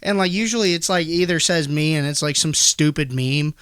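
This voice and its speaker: A man's voice: fairly high pitch, brisk, fairly bright tone, smooth, no room sound, clean studio sound. A young man, a band's vocalist, chatting casually as a guest and acting out quotes with frequent laughter. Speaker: band vocalist, podcast guest. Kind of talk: casual chat.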